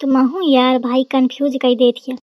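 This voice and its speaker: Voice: high-pitched, little pitch movement, moderate pace, no room sound, highs cut off, lightly acted. एक cartoon comedy का नटखट, छेड़छाड़ करने वाला देहाती देवर, जिसे एक कलाकार आवाज़ दे रहा है, कानपुरी लहजे में। सुर काफ़ी ऊँचा है और आवाज़ सूखी, पास की।. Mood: teasing. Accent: Kanpuri rural Hindi. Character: cheeky young village man, brother-in-law Kallu.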